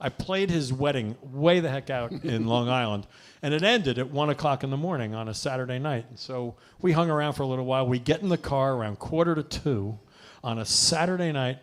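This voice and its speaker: A man hosting a radio show, telling relaxed, chatty anecdotes. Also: mid-range voice, fairly quick. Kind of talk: casual chat. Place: supper club radio studio.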